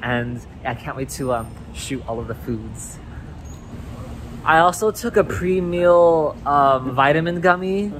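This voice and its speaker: A man's voice: on the high side, lively intonation, unhurried, fairly bright tone, a little hiss or hum, rough recording. A man vlogging through a face mask in a loose, chatty way, full of filler words. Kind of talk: casual vlog chat to camera.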